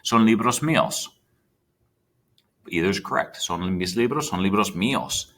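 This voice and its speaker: A man's voice: low voice, animated, normal speed, fairly bright tone. A man teaching a recorded Spanish lesson, chatty and checking in with his students as he types. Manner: chatty, checks in with students, talks while typing.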